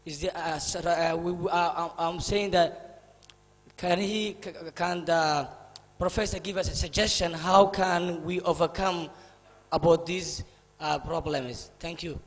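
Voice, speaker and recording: A man's voice: a little high, fairly even intonation. Hesitant Somali man in a hall. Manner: hesitant, halting with fillers. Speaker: audience member asking a question. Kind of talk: conference Q&A question. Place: large conference hall. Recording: reverberant conference hall.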